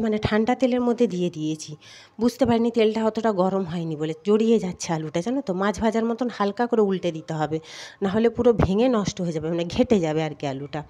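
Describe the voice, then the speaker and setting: A woman's voice: mid-range voice, warm tone, rough recording. Chatty homely woman vlogger, slightly breathless. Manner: chatty, homely, addresses viewers directly. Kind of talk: casual cooking vlog voice-over. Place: home kitchen. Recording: audible background noise.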